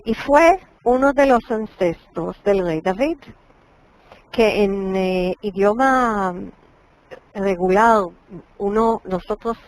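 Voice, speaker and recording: A woman with as her lectures on Bible studies at a slow, deliberate pace. She explains patiently and draws out words to model their pronunciation, stopping now and then with a hesitant "eh". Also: mid-range voice, poor audio. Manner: explanatory, slows to spell out pronunciations, frequent "eh" pauses. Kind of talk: lecture on Hebrew names.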